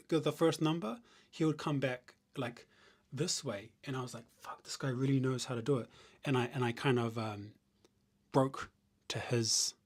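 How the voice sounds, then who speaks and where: A man's voice: mid-range voice, husky, dry recording. Guy streaming live at his desk, talks off the cuff and restarts a lot, dry close sound, keys clacking. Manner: rambling, thinking out loud with restarts; reads viewer comments aloud. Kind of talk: casual live-stream chat.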